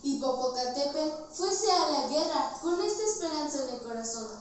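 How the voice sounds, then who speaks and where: A teenage girl with a central Mexican accent performs a grand poetry declamation in a high voice. Her delivery is solemn and theatrical, projected across the room. She is recorded from a distance in a very echoey space. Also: lively intonation, normal speed. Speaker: student reciter. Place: indoors, bare tiled-floor room. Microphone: far camera. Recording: distant mic, very echoey room, faint noise.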